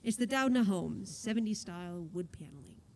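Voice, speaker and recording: A woman's voice: mid-range voice, expressive, moderate pace, darkish tone, poor audio. A woman reading stage directions aloud as narrator of a musical, in a plain, matter-of-fact way with dry little asides.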